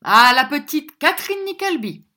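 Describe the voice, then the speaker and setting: A woman reading a story aloud and voicing a coarse, swaggering man who boasts loudly. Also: lowish voice, animated, normal speed. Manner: boastful, brash, raising voice in toasts.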